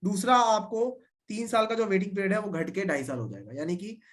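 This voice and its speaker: A man's voice: sits high, lively intonation, fairly quick. Man briefing a group on insurance. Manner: confident, repeats 'theek hai' to check understanding. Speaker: insurance advisor leading a training session. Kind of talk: explaining policy points to a group.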